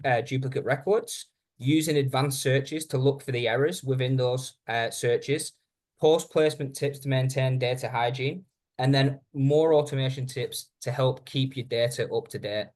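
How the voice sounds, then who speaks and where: Speaking straight to his listeners, a man presents a software training webinar in a relaxed, conversational way. His mid-range voice holds a steady tone at a moderate pace.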